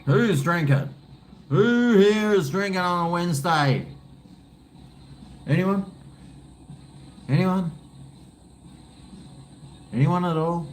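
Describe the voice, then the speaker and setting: A man's voice: high voice, expressive, measured pace. A man with an Australian accent chatting casually to his viewers in a laid-back, blokey, rambling way. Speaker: livestream cooking vlogger. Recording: faint background noise.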